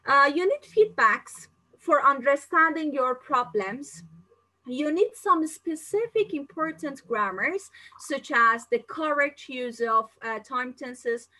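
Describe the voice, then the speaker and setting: Woman from Singapore, live-stream English exam tutor; chatty, filler-heavy delivery, bright and fairly high-pitched. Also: expressive, takes it slowly, poor audio. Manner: chatty, reads viewer questions aloud and answers them; frequent fillers and restarts, non-native phrasing. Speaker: English teacher.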